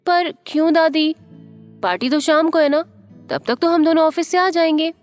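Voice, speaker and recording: A woman's voice: high voice, very animated, normal speed, soft background music, voice pushed up. A woman narrator voicing an insistent young woman in an audio story. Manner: insistent, raised voice. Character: young woman, lively and teasing.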